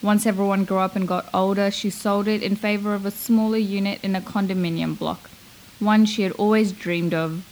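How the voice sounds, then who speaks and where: A young woman from Malaysia narrating a reflective spoken-word essay, slow and measured, lingering on her phrases. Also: mid-range voice, steady tone, darkish tone, slight background noise, rough recording.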